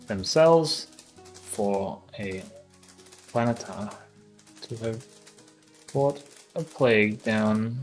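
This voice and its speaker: A man's voice: lowish voice, a bit bright. A man streaming live, casually brainstorming ideas for a tabletop game and thinking aloud with many hesitations.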